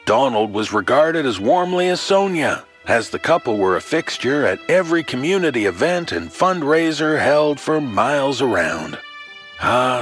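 Over gentle background music, a man narrates a scripted horror story as an anthology storyteller. He addresses the listener wryly and folksily, and his mid-range voice rises and falls with theatrical expression.

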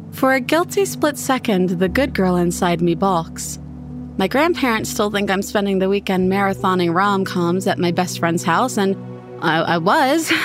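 A woman reading a first-person horror story in an intimate, expressive way. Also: mid-range voice. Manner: intimate, expressive, voices her own character's lines. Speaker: narrator.

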